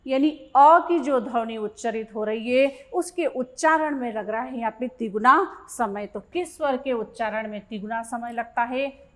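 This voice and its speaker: Here a Hindi teacher, her voice fairly high, takes a grammar lesson slowly and without rushing. She voices each question, says it again, and guides listeners through the answer in careful steps, much like a patient tutor prepping students for exams.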